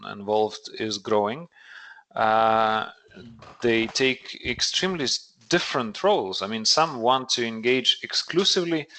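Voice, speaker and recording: A Lithuanian man in his late 30s appears as a podcast guest in an earnest conversation, explaining things thoughtfully while searching for words. His voice is mid-range with a sharp tone.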